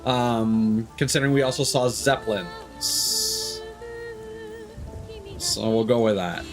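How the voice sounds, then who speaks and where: Speaking slowly in a mid-range voice with huge swings in pitch, a man thinks out loud while playing a video game, offering loose, rambling commentary. There's game music in the background.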